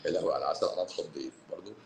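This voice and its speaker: A man with a Cairene Egyptian accent, a doctor hosting a live stream, talking casually to viewers. He is animated, scolding and joking with them. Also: rumbling low, racing, creaky. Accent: Cairene Egyptian Arabic. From Egypt, Cairo. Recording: roomy echo, faint background noise.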